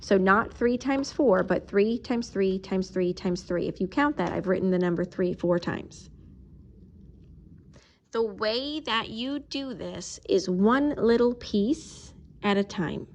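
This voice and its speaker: A woman's voice: medium pitch, lively intonation, slow pace, slight background noise. A woman teacher recording a math video lesson, talking patiently and explaining each step while she writes.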